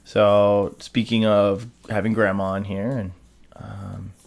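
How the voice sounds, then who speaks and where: A young man hosting a casual podcast chat, relaxed and rambling, with many fillers. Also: fairly low pitch, takes it slowly, vocal fry. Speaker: podcast host.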